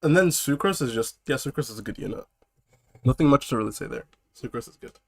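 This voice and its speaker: A man's voice: medium pitch, expressive, fast, vocal fry. A man sick with a cold chatting casually on a live stream, greeting viewers and breaking off to laugh and cough. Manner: laughs and coughs between phrases; chats loosely with viewers.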